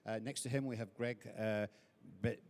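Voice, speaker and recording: A man's voice: on the low side, steady tone, moderate pace, a little mellow. A man moderating an industry panel discussion, introducing guests and posing questions with frequent fillers and self-corrections.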